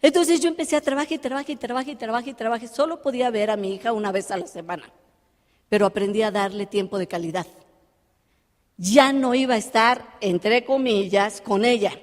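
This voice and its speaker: Woman, motivational speaker on stage, animated storytelling, high-ish voice, long hall echo. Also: a little fast. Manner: lively storytelling, acts out quoted dialogue. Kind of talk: live motivational talk.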